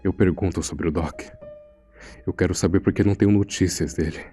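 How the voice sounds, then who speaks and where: Deep, husky and mellow, a man's voice moves briskly with a steady tone over faint music. He plays an uneasy morgue assistant recounting a frightening secret, narrating a horror audio drama in grave, suspenseful first person from a script.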